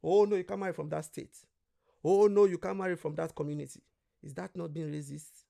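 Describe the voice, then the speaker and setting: Man with a gravelly voice. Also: on the high side, fairly quick. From Nigeria. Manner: animated storyteller who acts out quoted voices and swears freely. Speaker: guest. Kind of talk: casual conversation.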